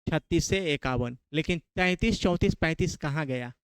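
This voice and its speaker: A man's voice: fairly high pitch, moderate pace, smooth, no echo. A man from Bihar with a Bihari Hindi accent, teaching a classroom lecture, quizzing his students and repeating key terms.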